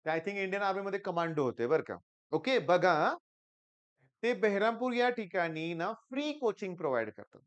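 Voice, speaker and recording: A middle-aged man from Maharashtra with a Marathi accent, a tutor giving a motivational coaching talk to exam students, emphatic and repetitive, swinging between loud stresses and quiet asides. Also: high voice, very animated, a little fast, few pauses, clean tone, highs cut off. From Maharashtra, India. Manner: emphatic, often repeats "lakshat ghya".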